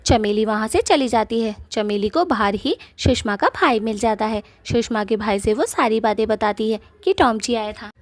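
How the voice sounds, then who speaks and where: A woman narrating a cartoon story in a plain, steady storytelling way. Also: fairly high pitch, moderate pace, hardly any pauses.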